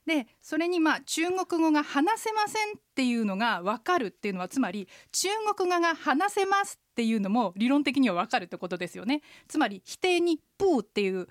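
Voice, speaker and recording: A woman's voice: sits high, sing-song, a little fast, hardly any pauses, dry recording, studio quality. A woman co-hosting a radio language lesson as an interpreter guide, explaining phrases and tones patiently. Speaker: co-host, interpreter guide teaching Chinese phrases.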